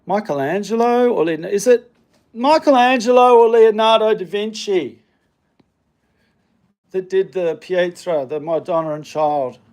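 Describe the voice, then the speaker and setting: Showing viewers his hallway and studio room, a man vlogs a casual home tour. He speaks at a measured pace in a high-sitting, darkish voice, rambling and hesitating while making fun of himself.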